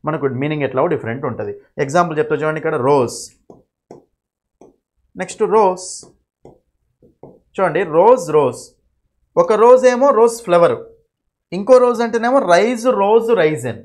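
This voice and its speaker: A man's voice: a little high, sing-song, normal speed, pauses often. A young male English teacher, explaining exam grammar step by step and checking often with "okay?". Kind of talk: exam-prep grammar lesson.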